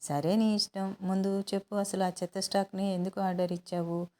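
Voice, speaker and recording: A woman reading the lines of a caring young man who calmly reassures and teases. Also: mid-range voice, brisk, lightly acted. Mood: tender. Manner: soothing, reassuring.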